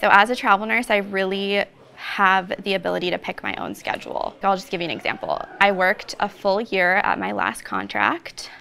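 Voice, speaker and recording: A woman's voice: medium pitch, steady tone, moderate pace, vocal fry, pushed and bright. A woman in her twenties, a pediatric ICU travel nurse, chatting in a panel and explaining her work in detail. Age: 20s. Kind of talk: casual panel chat. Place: indoor cafe.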